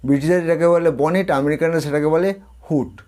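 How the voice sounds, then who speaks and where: A male tutor from India gives a spoken lesson in a slightly high voice. He states each term, repeats it, and puts questions to the listener. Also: steady tone, brisk, a little mellow. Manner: explains each term, then repeats it and quizzes the viewer. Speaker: English tutor.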